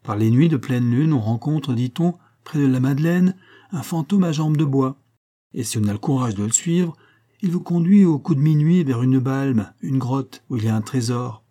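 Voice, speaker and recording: A man's voice: mid-range voice, moderate pace, mellow, pitched above the performer's own voice, natural voice. A man reading aloud, voicing a carefree, persistent young coachman in a coaxing, easy-going manner. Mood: sly, confiding.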